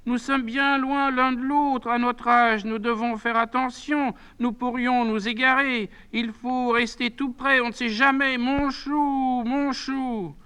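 A man's voice: extremely high pitch, level tone, slow, hardly any pauses, bright, forceful tone, clear, resonant tone, full character voice. A man reading a play aloud and voicing a frail, fretful very old woman who asks plaintive, anxious questions.

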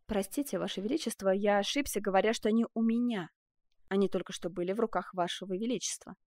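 A woman reading a composed male artist who stays cool while others rage. He speaks in a measured, polite way, and the reading sits in a dry, close sound. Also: mid-range voice, darkish tone, no room sound, close to an everyday voice. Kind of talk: audiobook character voice.

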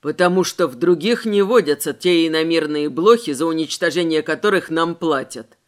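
A woman voicing a calm, sensible young man who speaks matter-of-factly in a lowered voice. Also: normal speed, lightly acted.

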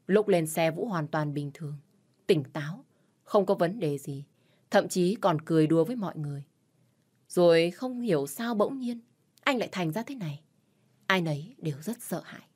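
A woman narrating an audio story in a steady, measured way. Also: lowish voice, husky.

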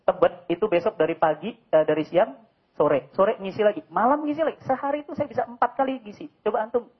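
A man, giving a lively sermon full of jokes and rhetorical questions. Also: sits high, quick pace, slightly rough. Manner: animated, joking, asks rhetorical questions. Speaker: preacher. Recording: dull lo-fi recording.

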